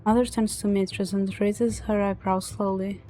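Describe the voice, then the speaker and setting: A woman's voice: mid-range voice, little pitch movement, moderate pace, dark tone, soft background music. A woman streamer reading story narration aloud from a visual novel, dramatic but stumbling over words now and then.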